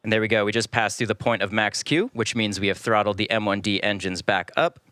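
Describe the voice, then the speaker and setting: Male launch host, lowish pitch, very dry studio-like sound, measured live explainer delivery. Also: level tone, bright, forceful tone, clean tone, no room sound.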